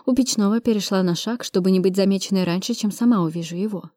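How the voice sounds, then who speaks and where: A woman reading a first-person action story aloud, steady and brisk, close to the mic. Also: medium pitch, no echo. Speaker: audiobook reader. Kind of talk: first-person audiobook narration.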